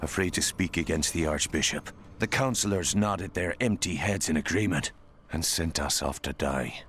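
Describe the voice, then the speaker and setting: A grave, embittered soldier for a fantasy video game. His low voice tells the tale in solemn, measured phrases, with some background noise. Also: a bit bright. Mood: grave, bitter. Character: bitter, grave soldier recounting a betrayal. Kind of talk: scripted fantasy game narration.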